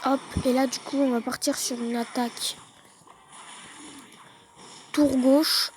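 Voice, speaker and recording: A woman giving relaxed, chatty play-by-play commentary on her own gameplay, with quick excited bursts. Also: high-pitched, low-quality recording. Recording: noticeable background noise.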